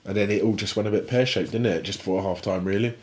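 A man's voice: lowish voice, fairly even intonation, quick pace, a little hiss or hum. A man co-hosting a casual football podcast, enthusiastic and given to repeating his words. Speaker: podcast co-host.

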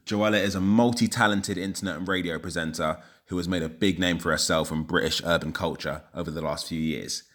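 A man with a low, deep voice delivers a scripted introduction as the host of an interview podcast. His pitch sits well below that of most men. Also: steady tone, fairly quick, few pauses, a bit bright.

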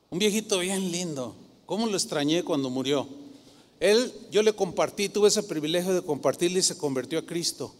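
A man in his sixties preaches from the pulpit in a high, bright voice. He tells his stories with lively animation and slips into the voices of their people. His words ring out with a long church reverb behind them. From Mexico. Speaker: pastor. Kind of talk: sermon. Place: church sanctuary.

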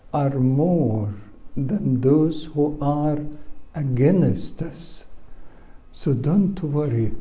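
Slow, mellow-voiced male preacher. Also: a little high, low-quality recording. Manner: slow, emphatic, repeats phrases for weight. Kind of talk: sermon.

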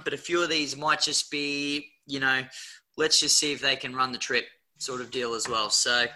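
A man's voice: medium pitch, sharp tone, poor audio. An Australian man co-hosting a horse racing preview as a tipster, chatting casually in a blokey, slangy way.

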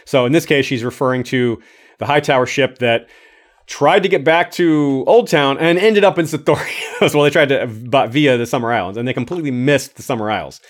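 A man on a livestream reads out a listener's notes and stops to comment between them. He has a medium-pitched voice and an easy, conversational manner. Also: brisk. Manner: reads comments aloud, adds own remarks with laughs. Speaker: podcast host reading listener comments. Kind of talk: casual livestream chat. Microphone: streaming microphone.

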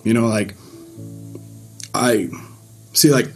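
Man, from Iran, personal church testimony, relaxed halting delivery, mid-pitched voice. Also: soft background music. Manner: casual and relaxed, with frequent "um" and restarts. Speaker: speaker giving his church testimony. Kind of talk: personal faith testimony talk.

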